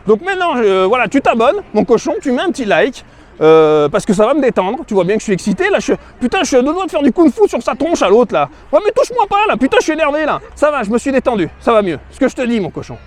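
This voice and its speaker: A man's voice: very high voice, sing-song, fast talker. A man vlogging outdoors, rambling in a vulgar, mock-insulting, matey monologue to camera. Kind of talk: crude joking monologue to camera.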